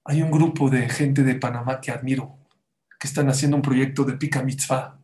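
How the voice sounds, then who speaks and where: A man's voice: mid-range voice, steady tone, moderate pace, a little mellow, roomy sound. A man giving an emotional religious talk, telling stories and urging his listeners to listen. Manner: fervent, pleading with listeners, acts out quoted voices. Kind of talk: emotional religious storytelling sermon.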